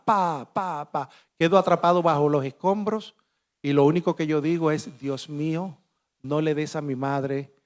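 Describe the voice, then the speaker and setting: High-voiced Puerto Rican man telling a vivid story. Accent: Puerto Rican Spanish. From Puerto Rico. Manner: vivid storyteller, acts out voices and crash sounds. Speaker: panelist. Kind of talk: dramatic personal testimony.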